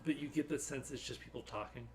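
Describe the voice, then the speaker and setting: A man running a tabletop game as game master, narrating in a relaxed way with frequent pauses. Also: medium pitch. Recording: distant mic with faint noise.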